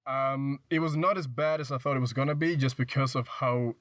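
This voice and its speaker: A man's voice: mid-range voice, brisk, no echo. Brief: casual male film critic on a podcast, dry close sound, easygoing and a bit hedgy. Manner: relaxed, hedging with fillers, leads the discussion. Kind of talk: casual film review chat. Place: inside a parked car.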